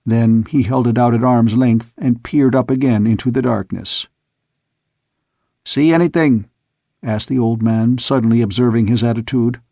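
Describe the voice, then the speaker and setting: A man narrating an audiobook in a steady storytelling manner. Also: mid-range voice, moderate pace, few pauses, no echo, clean studio sound. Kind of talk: scripted narration.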